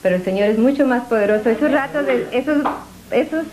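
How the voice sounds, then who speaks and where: A woman giving an emotional religious testimony at church, earnest and halting, often restarting her sentences. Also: a little high, a crowd in the background, rough recording.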